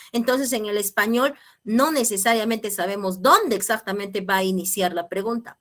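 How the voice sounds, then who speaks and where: A woman's voice: medium pitch, a bit bright. A woman teaching an online class, explaining patiently and checking in with her students. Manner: patient, checks in with tag questions.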